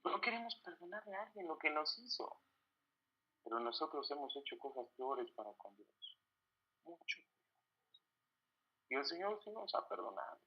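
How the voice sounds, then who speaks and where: A husky-voiced man delivers an earnest sermon on forgiveness, putting rhetorical questions to his listeners. His voice sits a little high for a man, and the recording has a dull, lo-fi quality. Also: big pitch swings, normal speed, long pauses. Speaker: preacher and biblical counselor.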